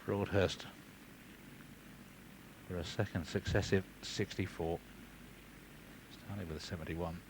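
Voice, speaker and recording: Low-voiced male golf commentator, understated delivery. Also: fairly even intonation, takes it slowly, long pauses. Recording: broadcast with clear background noise.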